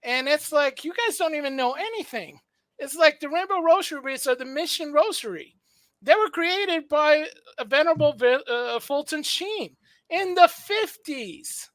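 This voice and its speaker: A woman's voice: sits high, lively intonation, moderate pace, no echo. A woman from South America, co-hosting a casual debate and defending her view eagerly with many restarts.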